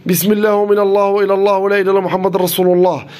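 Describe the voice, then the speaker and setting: Man chanting healing verses at high speed. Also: little pitch movement, racing, a little mellow. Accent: Moroccan Arabic. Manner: repetitive rhythmic recitation. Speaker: Islamic healer. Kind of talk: rapid chanted healing incantation.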